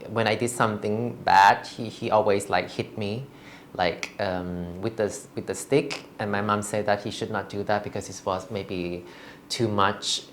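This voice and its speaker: Slow, halting woman from Thailand. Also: extremely low pitch, slight background noise. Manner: hesitant, halting, frequent restarts. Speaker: interview guest. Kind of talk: candid personal interview.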